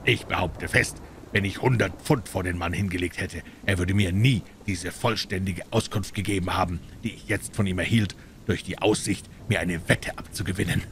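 A man voicing a calm, shrewd male detective with a friendly, measured manner in a storybook reading. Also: low-pitched, slight background noise.

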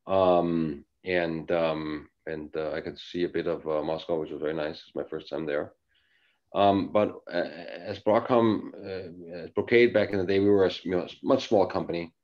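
A very deep-voiced, middle-aged engineering executive from Denmark gives a work presentation over a video call from his living room at home in the evening. He rambles, full of fillers, restarts and doubled words, with fairly even intonation at normal speed. The audio is dull and lo-fi, like a laptop webcam mic.

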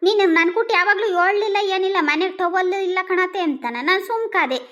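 A woman's voice: very high-pitched, a little fast, bright, forceful tone. A woman playing a hard-of-hearing village mother-in-law in a comedy sketch, talking in a complaining way. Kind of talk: rural comedy sketch dialogue.

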